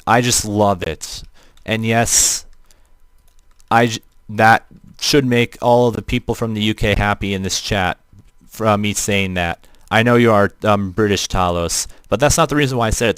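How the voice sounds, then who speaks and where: A man's voice: fairly low pitch, clean tone, no room sound. Chatty young man with a Midwestern accent. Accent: Midwestern American. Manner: rambling, chatty, talks to chat viewers. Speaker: game streamer. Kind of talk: casual live-stream commentary.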